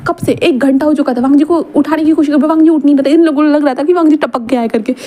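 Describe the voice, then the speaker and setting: A woman's voice: high-pitched, quick pace, warm tone. A woman casually narrating a fanfiction story, rambling and correcting herself as she goes. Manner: rambling, repeats and self-corrects.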